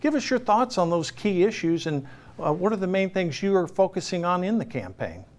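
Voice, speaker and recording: High-voiced man hosting a political show. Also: very animated, brisk. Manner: hesitant, many fillers and restarts. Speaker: show host.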